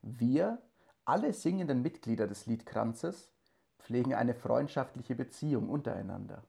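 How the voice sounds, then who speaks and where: A man reading in first person as an earnest teacher and cantor from the 1920s, in a calm, measured, scripted narration. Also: medium pitch, gravelly.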